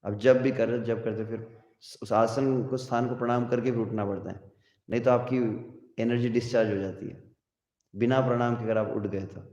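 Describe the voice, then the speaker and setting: A man's voice: mid-range voice, steady tone, a little mellow. Hindi-speaking man chanting verses in an echoey hall. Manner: chants verses slowly, then explains in conversational Hindi. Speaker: spiritual teacher. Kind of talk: devotional lecture with scripture chanting. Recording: muffled, echoey hall recording.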